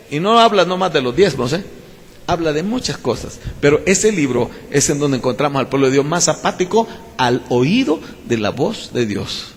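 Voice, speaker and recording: A male pastor preaching a sermon at a church service, emphatic, swinging between loud exclamations and quiet asides. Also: fairly high pitch. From Mexico. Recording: long hall reverb.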